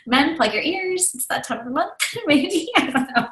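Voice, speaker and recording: A woman's voice: high voice, expressive, moderate pace, roomy sound, low-quality recording. Dynamic woman, tearful, on a video call. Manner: warm, open, confiding, with small laughs. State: tearful, sniffling. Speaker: team leader. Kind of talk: casual talk on a video call.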